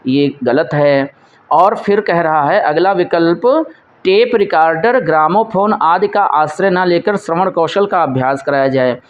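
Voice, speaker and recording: A male teacher going through exam quiz questions, posing each question and answering it himself while repeating the key points. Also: high-pitched.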